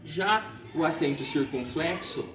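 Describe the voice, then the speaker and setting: A man's voice: on the high side, expressive, unhurried, background noise. A man teaching a lesson, explaining patiently and often checking in with his students. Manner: patient, explanatory, frequent check-ins like "certo?" and "tá?". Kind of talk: recorded online lesson. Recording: echoey room, voice from a distance.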